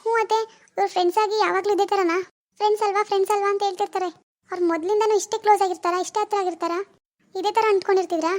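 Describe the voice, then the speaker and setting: A woman's voice: extremely high pitch, fairly even intonation, rapid-fire. A woman acting as a young wife who suspects her husband, wondering aloud in an anxious, questioning way. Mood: worried. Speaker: actor in a family web drama. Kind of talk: amateur family drama acting.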